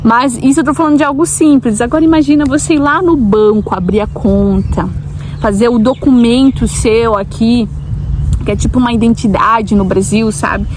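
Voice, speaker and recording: A woman's voice: on the high side, moderate pace. Chatty Brazilian woman vlogger, noisy background. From Brazil, Santa Catarina. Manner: chatty, asks viewers directly, frequent tag questions. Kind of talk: casual talk to camera. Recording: noticeable background noise.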